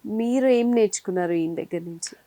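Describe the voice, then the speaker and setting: A woman interviewing a guest, softly humming along and mixing English words into her questions. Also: medium pitch, brisk, dry recording. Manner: frequent soft backchannel hums, mixes English. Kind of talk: casual interview.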